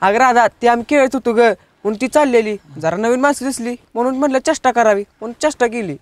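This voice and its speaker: An actor playing Pappya, a mischievous young village man who stammers and talks in a rustic, excitable way. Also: very high voice, quick pace, no echo. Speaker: prankster friend.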